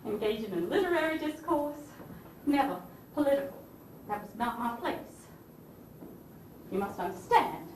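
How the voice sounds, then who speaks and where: A woman playing the wounded, proud Southern First Lady of the Confederacy in a stage play uses a natural, highish voice in a genteel, chatty mood. Her delivery is theatrical and emphatic, swinging between anguish and haughty scorn. The recording, made at a distance in an echoey theatre, carries hiss.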